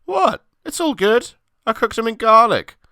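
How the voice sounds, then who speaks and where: A carefree young student flatmate, put on by a male storyteller in a squeaky, strained falsetto-high voice. He sounds breezy and unbothered, his voice bouncing around, bright and close with a dry sound. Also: a little slow, no echo, heavily acted.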